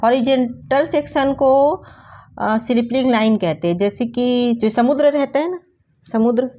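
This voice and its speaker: A woman's voice: fairly high pitch, measured pace, mellow, lo-fi sound. A woman giving a casual hands-on hairdressing lesson, chatty and repeating key terms to drive them home. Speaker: hairdressing teacher.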